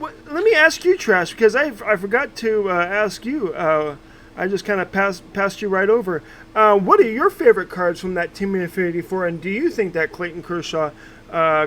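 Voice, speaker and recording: High-voiced man hosting a casual podcast. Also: a bit bright, slight background noise. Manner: halting, many fillers and restarts. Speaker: podcast host.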